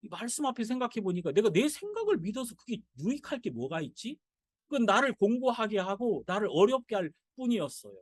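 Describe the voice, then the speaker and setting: A male pastor giving a sermon and telling the story in a dramatic, animated way. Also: sits high, a little fast.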